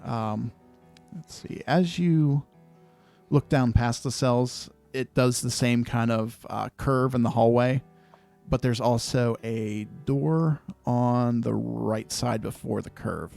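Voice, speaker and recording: A man narrating a tabletop game as game master, describing scenes in a measured way with many fillers. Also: mid-range voice, vocal fry, a little mellow, soft background music.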